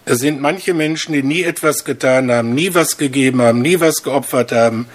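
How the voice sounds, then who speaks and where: A man preaching a sermon, telling stories with lively rhetorical questions. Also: mid-range voice, brisk.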